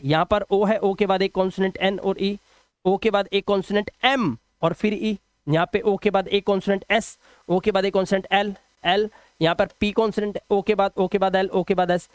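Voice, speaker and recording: Quizzing the viewer as he goes, a man runs through English phonics rules in a video lesson, repeating sample words slowly and patiently. The high voice is captured at studio quality without echo.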